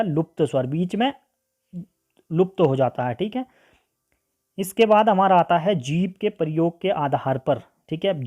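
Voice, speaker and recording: Teacher, online grammar lesson, mellow dark tone, slow spelled-out vowels, frequent okay check-ins. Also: medium pitch. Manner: keeps adding "ठीक है" as a check-in; asks a question and then answers it.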